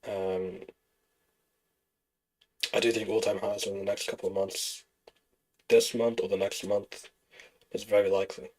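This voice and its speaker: A man streaming live trading, talking through charts and answering chat questions in a relaxed, explanatory way. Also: fairly low pitch, unhurried, long pauses, poor audio. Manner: relaxed, explanatory, thinking aloud over charts.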